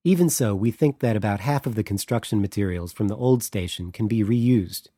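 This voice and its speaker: A man's voice: lowish voice, brisk, mellow, no echo, studio quality, lightly acted. A man voicing a young Estonian woman official who explains things earnestly and a little formally, with an Estonian accent. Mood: explaining.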